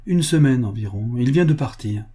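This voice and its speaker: A man's voice: mid-range voice, expressive, normal speed, mellow, husky. A man voicing a sleepy, wary young female servant who gives short, guarded answers.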